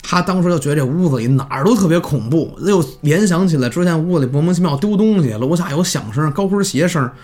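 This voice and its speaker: A man telling a horror story in casual chat, animated and swearing freely. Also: fast, few pauses. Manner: animated, jumps pitch for drama, swears casually.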